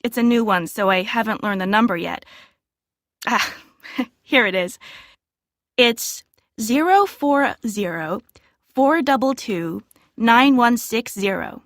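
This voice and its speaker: A cheerful young student. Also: female voice, on the high side, slow, long pauses, fairly bright tone, dry recording, studio quality. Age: 20s. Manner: friendly, answers clearly and spells things out. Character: young female student joining a club. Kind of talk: scripted exam listening recording.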